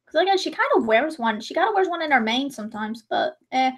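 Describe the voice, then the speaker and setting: Her high voice turned a bit strained, a young woman rambles casually and fixes her own words as she draws on a livestream, talking fast in a sing-song way.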